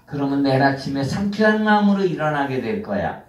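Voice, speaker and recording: A woman's voice: rumbling low, very animated, fairly quick. A woman voicing a young child puppet who pleads earnestly and asks the children in the audience questions during a live puppet show. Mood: pleading. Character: young child puppet torn between good and bad. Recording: roomy sound from a far camera.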